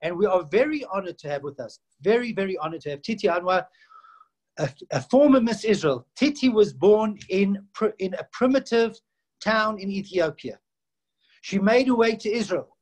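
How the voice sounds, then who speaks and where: A rabbi opens the event with an earnest formal welcome, stumbling over a word here and there. His voice sits high for a man. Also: expressive, moderate pace, a little mellow, low-quality recording.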